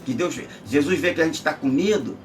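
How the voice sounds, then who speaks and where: A man preaching a Bible lesson emphatically, rising to shouts and dropping to murmurs. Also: a little high, a little fast, far from the mic, slight background noise. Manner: emphatic, swinging between shouts and near-murmurs. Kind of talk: sermon-style Bible teaching.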